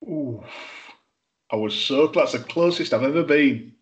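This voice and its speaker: A man's voice: medium pitch, moderate pace. A man co-hosting a podcast, chatting casually in a sweary, self-deprecating way. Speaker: podcast co-host. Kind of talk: casual chat. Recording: dull lo-fi microphone.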